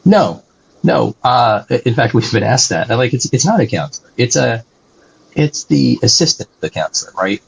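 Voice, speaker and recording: A very animated company executive answers interview questions as a guest at normal speed, his medium-pitched voice creaky and slightly rough. He explains eagerly and often tacks "right?" onto what he says. The lo-fi recording comes across as dull.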